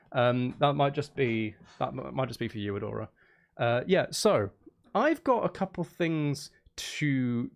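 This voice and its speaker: A live streamer with a mid-range voice and vocal fry chats casually with his viewers. He rambles, repeats himself and cuts off mid-sentence, joking in a self-deprecating way.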